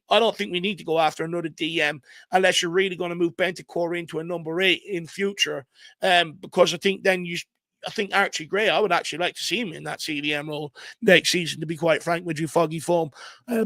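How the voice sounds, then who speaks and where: A man's voice: high-pitched, sharp tone, no room sound. A man hosting a casual football live stream. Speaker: host.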